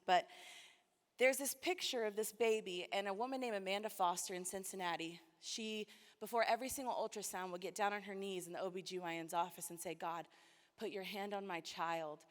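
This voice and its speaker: A woman's voice: mid-range voice, normal speed. A woman preaching a sermon to a conference, emotional and close to tears at times. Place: large church hall. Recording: long church hall reverb.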